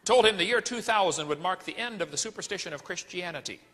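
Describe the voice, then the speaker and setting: A man's voice: high-pitched, animated, quick pace, bright, forceful tone, big-room sound. A middle-aged man giving a lecture-style sermon, preachy and folksy, firing off rhetorical questions. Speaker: creationist ministry speaker.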